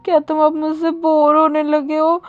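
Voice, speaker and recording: A high, whiny young husband, clingy and quick to sulk, pleading in a tearful storybook voice, as a woman narrator puts him on. The sound is dull and dry, with faint music underneath. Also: monotone, no room sound, lightly acted.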